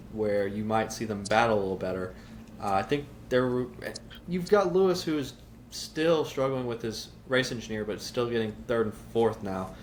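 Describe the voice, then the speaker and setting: A man's voice: mid-range voice, a little hiss or hum. A man with a Southern US accent, a podcast co-host who argues his points firmly and at length in a casual debate.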